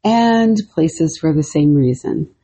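A woman's voice: deep voice, lively intonation, slow pace, dark tone, breathy edge. A middle-aged woman co-hosting a podcast, chatting casually and retelling a friend's spooky story with easy laughs. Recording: muffled lo-fi podcast audio.

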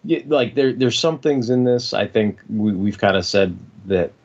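A man's voice: lowish voice, lively intonation, normal speed, darkish tone. A man co-hosting a casual fan discussion, rambling and circling back to rephrase his points. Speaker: podcast co-host. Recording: slightly dull, lo-fi podcast audio.

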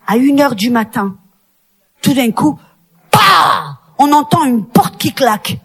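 A woman with a high, bright voice preaches, turning a personal story into fervent exhortation. She swells into shouted, half-sung climaxes and then drops low and quiet. She speaks straight to the women listening. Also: lively intonation, slow pace, slightly rough. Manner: addresses a women's audience directly. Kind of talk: sermon.

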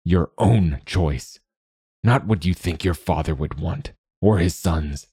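A man voicing a gentle, wise older male guide who speaks slowly and in a fatherly way. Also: deep voice, slightly rough, no echo, studio quality, exaggerated voice. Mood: firm. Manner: slow, fatherly, calls the youth lad.

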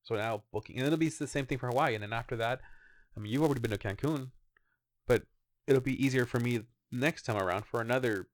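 This thirties-aged podcast co-host keeps things casual, drifting through easygoing rambles with the odd swear word. He speaks quickly in a mid-range voice, with no room sound audible.

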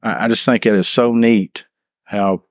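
A man's voice: fairly low pitch, steady tone, measured pace, no room sound. Man teaching a church bible class, reads scripture then explains, restarts a lot, dry muffled recording. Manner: asks the class questions.

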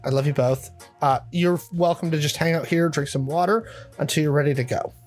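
A man's voice: fairly high pitch, a little fast, soft background music, close to an everyday voice. Man doing a gushing, over-apologetic waitress, fussy, slightly raised voice. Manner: fussy, over-solicitous, breathless fretting.

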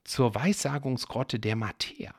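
A man reading aloud and voicing a mischievous young prince in his twenties who loves breaking rules, in a hushed, teasing tone. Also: mid-range voice, a little slow, gravelly, breathy edge, no echo, clean studio sound.

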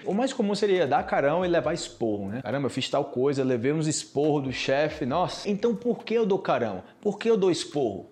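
Brazilian guy teaching on a podcast, kinda high voice, lively and repetitive. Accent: Brazilian Portuguese. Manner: lively, explains with many repeated examples. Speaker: Portuguese teacher. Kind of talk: casual podcast lesson.

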